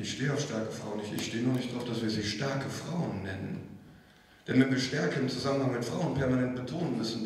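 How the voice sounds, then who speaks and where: Young man performing slam poetry on stage. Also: mid-range voice. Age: young adult. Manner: rhythmic rhyming delivery, stammers and laughs at himself. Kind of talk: spoken word poetry performance. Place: small dark stage at a club event. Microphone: handheld microphone. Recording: roomy live hall from a distance.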